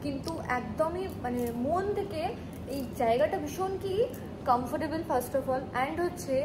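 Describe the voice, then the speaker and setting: Young female vlogger, high and quick, noisy restaurant ambience behind. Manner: lively, mixes in English words. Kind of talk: casual couple vlog.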